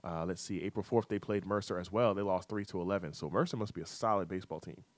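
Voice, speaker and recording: A man's voice: low-pitched, quick pace, no echo. A man hosting a casual sports talk radio show, reading out scores and schedules with fillers and teasing his co-host.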